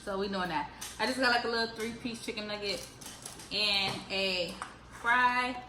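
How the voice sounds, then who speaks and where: A woman, hosting a casual mukbang chat with friends, relaxed and talkative. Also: mid-range voice, moderate pace. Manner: relaxed, chatty, laughs often. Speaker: channel host. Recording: echoey room, faint background noise.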